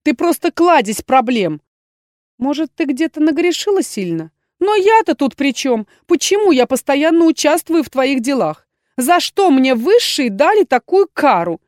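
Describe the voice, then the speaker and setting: A woman's voice: on the high side, animated, normal speed, darkish tone, no room sound, studio quality, natural voice. A woman voicing a young female necromancer student who complains dramatically and theatrically. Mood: exasperated. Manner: exasperated, theatrical lamenting. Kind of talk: audiobook character voice.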